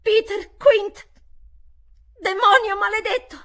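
A woman reading an audiobook, voicing a desperate young governess who cries out in a shrill, impassioned voice. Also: steady tone, slow pace.

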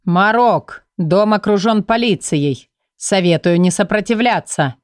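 A woman's voice: medium pitch, lively intonation, a little slow, no echo, clean studio sound, lightly acted. A woman reading a clipped police commander. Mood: brisk. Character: terse male police commander, brisk.

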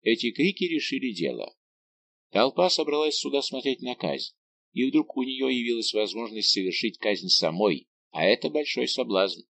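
A man's voice: medium pitch, normal speed, gravelly, no echo. A man narrating an adventure novel as an audiobook, telling it in a dramatic, vivid way. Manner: expressive, vivid storytelling.

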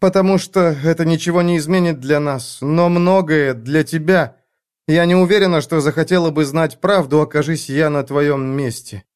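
A man's voice: on the high side, normal speed, a little mellow, clean tone, voice pushed up, lightly acted. A man reading an audiobook, voicing an anxious young woman who pleads urgently. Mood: pleading. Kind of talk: audiobook character voice.

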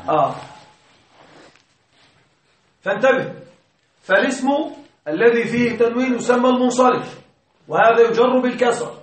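A male grammar teacher giving a classroom lesson, patiently explaining, quizzing his students and chanting quoted verses slowly. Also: very high-pitched. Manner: recites verses in slow measured chant. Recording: echoey classroom from far off.

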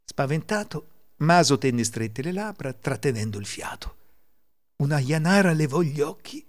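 An Italian man narrating a folk tale in a theatrical, expressive reading. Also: fairly high pitch, moderate pace. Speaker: storyteller.

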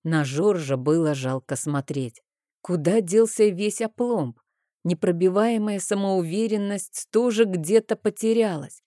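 A woman reading a fantasy audiobook in the first person, with steady storytelling. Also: on the low side, measured pace, no echo, clean studio sound. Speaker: audiobook narrator.

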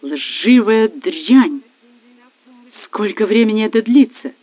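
A man's voice: sits high, measured pace, dry recording, pitched above the performer's own voice. A man voicing a jealous husband who accuses his wife bitterly. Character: jealous angry husband, a police officer. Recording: dry, phone-like lo-fi.

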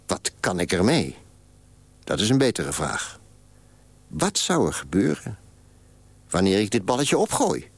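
A man's voice: lowish voice, huge pitch swings, unhurried, vocal fry, pauses often, husky, no room sound, full character voice. A man voicing a lonely, curious male God who ponders aloud in short wondering questions, for a spoken story on radio. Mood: pondering.

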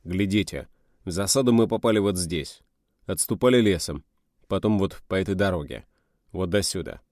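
A man's voice: low-pitched, moderate pace, a little mellow, dry recording, studio quality. A man reading the part of a curt, wry middle-aged army major giving orders in an audiobook. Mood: briefing.

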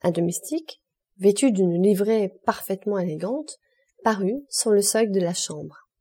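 A woman reads a classic novel aloud as an audiobook narrator. Her voice is mellow and warm, with clear, even delivery. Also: mid-range voice, a little slow.

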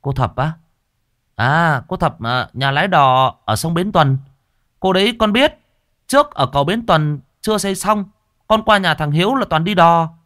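Within a told ghost story, a man voices an eager young male apprentice, pitching above his own natural voice. The result is fairly high, with lively intonation, a bit bright, at a normal speed.

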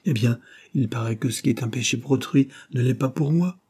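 A sulky, restless young man, put on by a male audiobook reader, pleading in a raised, husky voice. The tone stays dark and a little breathy, with a petulant edge. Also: medium pitch, brisk, pitched above the performer's own voice, close to an everyday voice. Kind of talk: audiobook character reading.

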